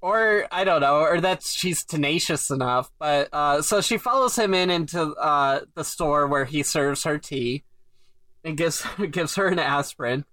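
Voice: medium pitch, unhurried, pushed and bright, dry recording. A podcast co-host recapping an old TV episode in dry, laughing, casual chat.

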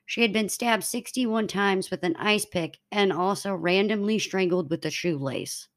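With a mid-range voice and a measured pace, a young woman reads a case aloud to her podcast co-hosts. She tells it to her friends in a matter-of-fact way, breaking into laughter between lines.

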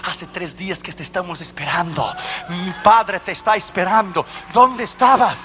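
A man preaching who acts out a huge, stern male Russian soldier questioning a traveler in a gruff voice. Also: high-pitched, normal speed, bright, forceful tone. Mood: hushed urgent.

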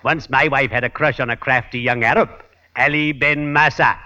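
A man playing a morbid, courtly gravedigger in an old-time radio comedy, speaking formally and deliberately with ghoulish good cheer. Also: medium pitch, steady tone, bright, forceful tone, natural voice. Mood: ghoulish relish. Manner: formal, deliberate, drawn-out macabre puns. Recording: noisy, dull old radio recording.

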